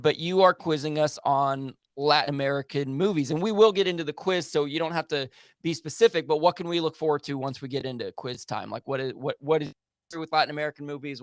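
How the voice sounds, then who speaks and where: A man's voice: on the high side, no echo, studio quality. A man hosting a casual podcast chat, talking in an eager, rambling way. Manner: enthusiastic, rambling. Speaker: podcast host.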